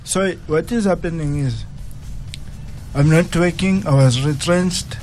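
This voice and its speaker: Slow, halting man. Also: fairly high pitch, darkish tone, a little hiss or hum. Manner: halting, slow, repeats phrases. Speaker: boxing coach. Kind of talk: radio interview guest. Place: radio studio.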